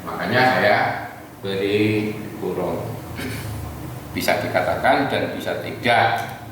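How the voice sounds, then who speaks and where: A male teacher works through his examples one slow step at a time, tagging almost every phrase with a quick "ya". He is heard from some way off the mic, in a strongly echoing room with a faint hiss of background noise. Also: deep voice, a bit bright, far from the mic. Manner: slow, patient, repeats "ya" and each example. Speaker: English teacher. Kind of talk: classroom lesson explanation.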